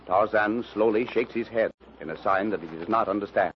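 A man's voice: fairly low pitch, a little fast. A man giving formal, dramatic scripted narration in the style of a 1930s radio serial. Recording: dull, noisy old radio recording.

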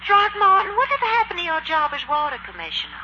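An actress playing a coy, gushing wealthy belle in old radio comedy style. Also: female voice, very high voice, huge pitch swings, fast talker, very noisy, full character voice. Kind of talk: 1940s radio comedy acting. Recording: muffled old radio recording over loud music.

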